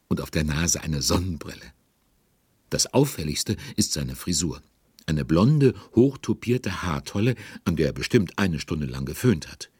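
A man's voice: a bass voice, slightly rough, dry recording, full character voice. A man narrating a scripted children's story in a genial, amused and wry manner. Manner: wry, lively.

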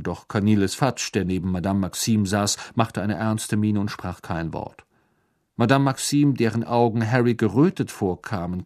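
A male narrator reading a novel aloud in an expressive, storytelling manner. His pitch moves freely and animatedly, carrying the scenes along. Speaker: audiobook reader. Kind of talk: scripted narration.

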